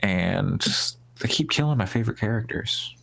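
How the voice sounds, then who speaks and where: Low gravelly man rambling about games. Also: lively intonation, normal speed, fairly bright tone. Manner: rambling, heavy use of "like", trailing restarts. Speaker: podcast co-host. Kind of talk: casual gaming podcast chat.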